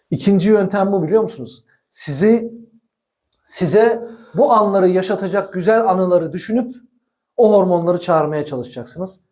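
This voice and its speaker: This is a man with a notably high voice, giving an instructional billiards talk to camera. He is animated and chatty, laughs easily as he explains, and keeps turning to the viewers as if they were friends gathered at his practice table. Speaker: billiards coach.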